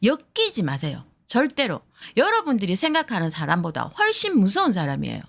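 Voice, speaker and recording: A woman's voice: medium pitch, wildly swooping pitch, brisk, creaky. A woman talking heatedly to her viewers in a blunt, profane way, acting out the people she quotes. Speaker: streamer giving advice to viewers. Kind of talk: heated casual talk to viewers.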